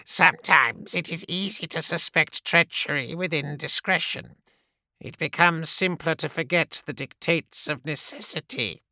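A man doing a creaking ancient tree spirit woman. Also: a little high, pushed and bright, no echo, voice pushed up, exaggerated voice. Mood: cryptic. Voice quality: creaking, slow and drawn out. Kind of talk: audiobook character voice.

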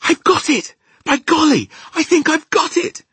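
Man as eager young storybook girl, indignant, insistent, high voice, swooping intonation. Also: huge pitch swings, moderate pace, bright, forceful tone, husky, dry recording, exaggerated voice. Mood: excited. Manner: emphatic, insistent. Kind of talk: children's storybook character reading.

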